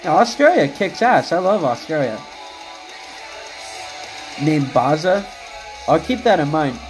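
Man, game streamer, slightly high voice, swears a lot, rambles, music playing behind. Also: very animated, unhurried, poor audio. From United States. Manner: rambling, profane, answers chat. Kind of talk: casual live-stream chat while gaming.

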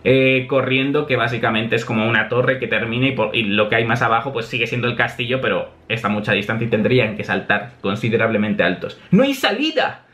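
A man, a manga reaction host talking in a chatty, animated way and laughing often. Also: mid-range voice, fast talker, few pauses. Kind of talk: casual reaction commentary.

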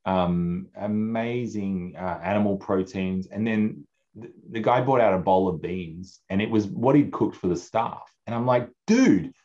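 A deep-voiced man in his forties speaks on a video call whose sound is dull and lo-fi. He talks in a loose, animated way, trips over restarts, and jumps into character voices when he quotes other people. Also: a little slow. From Australia. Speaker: food advocacy director, guest. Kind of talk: casual conversational interview. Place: home office, indoors.

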